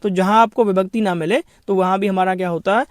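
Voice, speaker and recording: A man with a high voice teaches an exam-prep grammar lesson. He poses questions and answers them himself, repeating each point. The recording is dry and close. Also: steady tone, fast, dry recording. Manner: explains then repeats each point, asks and answers his own questions; addresses students as brother.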